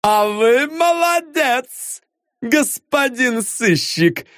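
A man voicing a mocking, theatrical gentleman in an audiobook, drawing his words out slowly. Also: very high voice, animated, no room sound, studio quality, voice pushed up, heavily acted.

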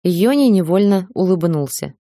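A woman narrating an audiobook in a steady, measured reading voice. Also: lowish voice, no room sound, studio quality. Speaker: audiobook reader.

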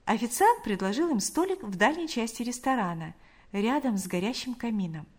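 A woman narrating an audiobook in a measured, expressive reading. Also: fairly high pitch, husky. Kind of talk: scripted narration.

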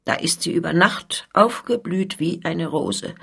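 A woman's voice: fairly low pitch, a little slow, vocal fry, a bit bright, husky, exaggerated voice. A woman voicing a sly, menacing older male master goldsmith who threatens in a cold, persuasive manner, in a storybook reading. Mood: coaxing.

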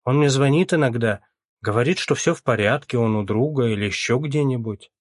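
A man's voice: mid-range voice, a little fast, dry recording, clean studio sound, voice pushed up, natural voice. A man reading the part of a worried middle-aged mother, anxious and pleading. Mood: flustered.

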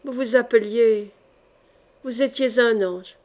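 A tormented, half-mad mother, read by a woman with a fairly high voice. She speaks in broken, halting outbursts, circling back on her own words. It sounds like an audiobook recording. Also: darkish tone. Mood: haunted.

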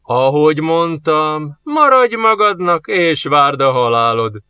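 A man voicing a gruff, scornful male soldier who speaks in a drawn-out, mocking way. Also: on the high side, animated, pushed and bright, no room sound.

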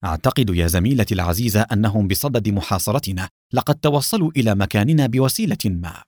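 A man voicing a cool, sarcastic male secret agent who speaks calmly and coldly. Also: on the low side, quick pace, dry recording, studio quality. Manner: calm, mocking, cold.

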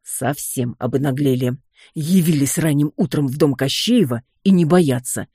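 Calm young sorcerer clan head, read by the narrator, dark husky voice, dry affection, audiobook. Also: mid-range voice, measured pace, no room sound. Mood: tender.

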